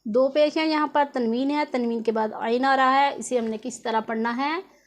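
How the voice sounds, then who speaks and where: A woman's voice: high voice, steady tone. A woman teaching Quran reading rules in a tutorial lesson, patiently repeating and drawing out each example word. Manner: slow and patient, drawing out example words syllable by syllable.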